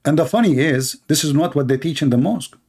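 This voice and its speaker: A man whose first language is Arabic hosts a live online debate show in English. His fairly high voice has a darkish tone and a quick pace, and he lays on mocking, sarcastic emphasis.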